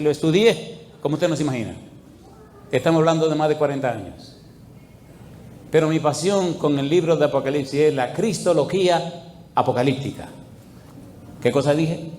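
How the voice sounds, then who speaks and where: A man's voice: fairly high pitch, roomy sound. A middle-aged man preaching a sermon as a pastor, firing questions at the congregation and telling stories with animation. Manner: call-and-response questions to the congregation, animated storytelling.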